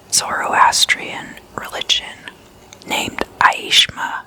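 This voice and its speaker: Softly whispering with a breathy, intimate warmth, an ASMR host chats casually and lingers over each word like she's telling a friend a story. The audio is poor.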